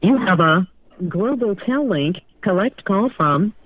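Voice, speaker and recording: A woman delivers a recorded collect-call prompt over a payphone call line, in a measured, scripted way. Her pitch sits in a middle range. The sound is thin and tinny, like a narrow phone line. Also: lively intonation. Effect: heard over a payphone call line. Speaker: automated collect-call announcement.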